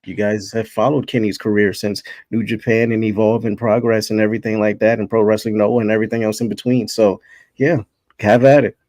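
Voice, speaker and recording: A man's voice: on the low side, flat delivery, a little fast, a little mellow, no room sound. Laid-back man hosting a casual chat. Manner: laid-back, laughs often, loose and rambling. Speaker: host running a wrestling bracket show.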